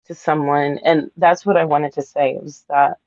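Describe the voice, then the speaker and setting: A woman's voice: sits low, steady tone, moderate pace, a little mellow, dry recording, highs cut off. A woman voice actress being interviewed, chatting casually, sounding nervous and giggly with lots of fillers. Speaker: voice actress guest.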